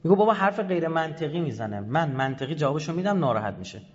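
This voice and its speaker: A man who heads an institute, giving a heated, sarcastic talk to an audience, swinging between loud bursts and low asides. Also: very animated. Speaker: head of an institute. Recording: dull lo-fi audio in a reverberant hall.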